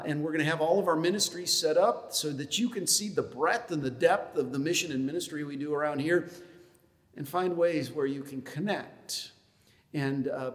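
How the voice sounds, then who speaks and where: A man's voice: sits high, a bit bright. A man preaching a folksy sermon as pastor, joking and dropping in lots of fillers. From upstate New York. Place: church sanctuary. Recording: long hall reverb in a church.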